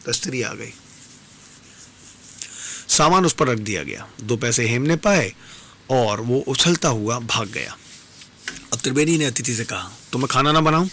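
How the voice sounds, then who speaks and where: A man performing traditional dastangoi storytelling on radio, narrating in a measured, expressive way. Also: mid-range voice, a little hiss or hum.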